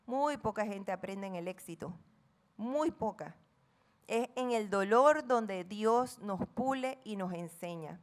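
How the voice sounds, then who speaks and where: A woman's voice: mid-range voice, lively intonation, slow pace. A middle-aged woman with a Panamanian accent preaching a sermon, reading scripture dramatically and asking the congregation questions. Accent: Panamanian Spanish. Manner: playful asides acting out friends' chatter.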